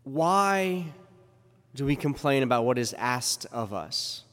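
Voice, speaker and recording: Preacher, male, mid pitch, casual homily, cathedral echo on the voice. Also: lively intonation, slow pace, a bit bright. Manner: conversational, with rhetorical questions. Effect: cathedral-like church echo. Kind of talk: gospel reading and homily. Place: large church. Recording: long reverb in a large church.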